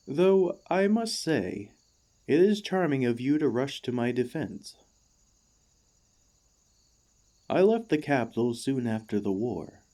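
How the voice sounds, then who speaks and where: A mid-range male voice gives life to an earnest, devoted warforged ex-gladiator in an ASMR roleplay. He speaks to the listener formally and courteously with gentle hesitation, and the mood is earnest and reflective.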